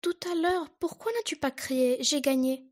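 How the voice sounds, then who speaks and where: A woman voicing a boastful little boy beaver who gloats loudly. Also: high-pitched, normal speed, natural voice. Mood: meek. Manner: gloating, loud and bouncy.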